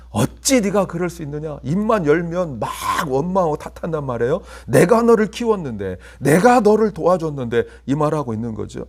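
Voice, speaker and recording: A man preaching a sermon as pastor, asking the congregation rhetorical questions, building to emphatic peaks and then falling low, and turning soft and slow when he leads prayer.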